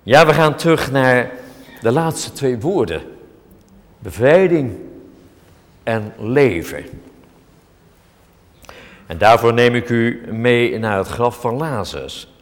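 Male preacher, slow and deliberate, very animated pitch, big echoing hall. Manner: dramatic, emphatic preaching with large swings in pitch and loudness. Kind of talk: sermon. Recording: long hall reverb.

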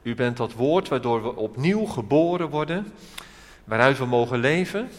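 A man leading a church prayer and sermon, earnest and drawing out key words slowly. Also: medium pitch, expressive, long reverb tail. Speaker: preacher.

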